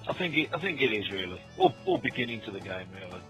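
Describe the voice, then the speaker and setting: Man on a muffled, bass-heavy call line. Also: wildly swooping pitch, quick pace, a bit bright, soft background music. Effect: muffled, bass-heavy online call line. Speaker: podcast co-host. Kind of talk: casual chat over a voice call. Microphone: online voice call.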